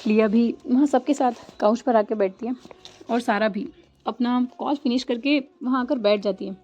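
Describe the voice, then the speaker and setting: A woman narrating a serial story in a steady, explaining manner. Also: a little high, normal speed. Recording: dull lo-fi with faint music.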